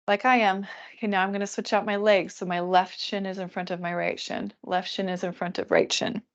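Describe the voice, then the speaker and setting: Gravelly-voiced woman guiding yoga. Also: mid-range voice, highs cut off. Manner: calm counting cues, relaxed and chatty. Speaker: yoga teacher. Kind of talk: guided restorative yoga class.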